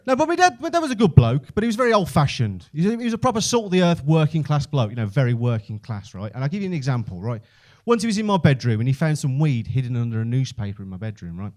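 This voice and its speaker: Speaking quickly with few pauses, a Brummie stand-up comic from Birmingham, England, tells conversational stories that mock himself and are full of swearing. His mid-range voice is sing-song with a darkish tone.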